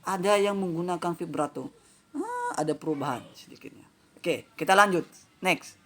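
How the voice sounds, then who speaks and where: A man's voice: sits high, brisk, bright, forceful tone. A man teaching a vocal music lesson to pupils, chatty and peppering his talk with little fillers. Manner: chatty, fills with "nah" and "ya". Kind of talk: online class lesson.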